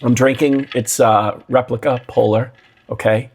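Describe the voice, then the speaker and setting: A man's voice: medium pitch, steady tone, unhurried, darkish tone. A man co-hosts a casual music podcast from a living room. He jokes around and rambles, with plenty of fillers and restarts. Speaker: podcast co-host. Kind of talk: casual chat.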